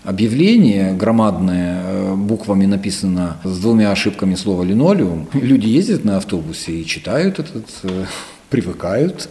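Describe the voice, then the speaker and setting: Lively-voiced man, lecturing calmly. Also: sits low. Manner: measured, lecturing, with hesitation fillers. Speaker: head of a university Russian language department. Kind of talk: interview answers.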